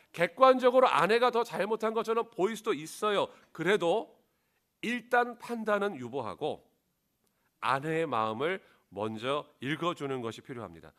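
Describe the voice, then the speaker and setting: A man's voice: fairly high pitch, a bit bright. A man preaching a sermon as a pastor, engaging the congregation with questions.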